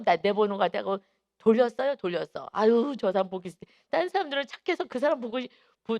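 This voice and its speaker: A woman's voice: fairly high pitch, creaky. A woman pastor giving an early-morning sermon, emphatic and telling personal stories. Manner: emphatic, acts out quoted voices and personal stories.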